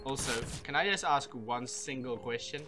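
A man's voice: medium pitch, normal speed, music in the background. A man trash-talking his teammates in game voice chat, crude and mocking. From not from the UK. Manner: taunting, crude and loud when laughing. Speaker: gamer in team voice chat.

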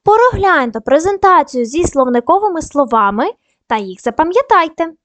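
High, dry-voiced woman teaching children. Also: very animated, fairly bright tone, no room sound. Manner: clear, patient, slow spelling out of sounds and syllables. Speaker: primary school teacher. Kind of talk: video lesson for children.

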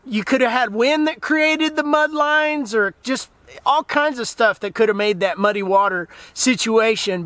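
This fishing channel host has an extremely high-pitched voice, recorded with no echo, as he chats eagerly to the camera by a river. His manner is plain-spoken and enthusiastic, his hands moving animatedly while he talks about fishing.

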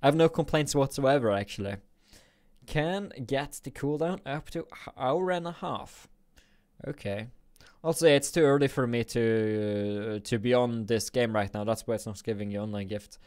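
A young man from Norway, thinking aloud and grumbling playfully while live-streaming a game at his home computer on a boom-arm desk mic. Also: moderate pace, darkish tone, clean tone. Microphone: desk microphone on a boom arm.

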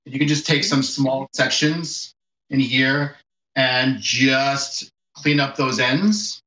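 Laughing barber on an echoey video call. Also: male voice, medium pitch, steady tone, slow pace, sharp tone. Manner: laughs often, easygoing instructions. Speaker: barber giving a haircut lesson. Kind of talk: casual how-to demonstration over video call. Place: home room with sloped ceiling. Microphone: video call from far camera. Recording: echoey room, dull lo-fi call audio.

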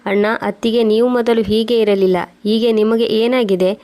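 A woman's voice: fairly high pitch, normal speed, close to an everyday voice. A woman reading as a young married daughter. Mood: pleading. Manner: flat, even reading.

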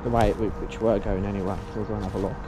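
This lowish, fast-talking man keeps his pitch fairly flat while exploring an abandoned place outside on his vlog. He rambles through his thoughts, chatting and saying "guys" to his audience often. There's background music and a noisy backdrop.

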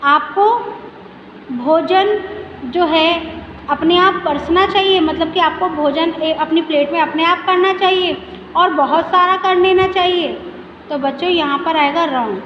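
A high-voiced woman teacher talks young pupils through a revision lesson. She poses questions and answers them herself. The audio is dull and lo-fi, with a long echo and faint hiss behind her. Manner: explains each point in Hindi, often asks the class questions and answers them herself. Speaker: school teacher. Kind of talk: recorded revision lesson for children. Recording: echoey room, dull lo-fi audio with faint noise.

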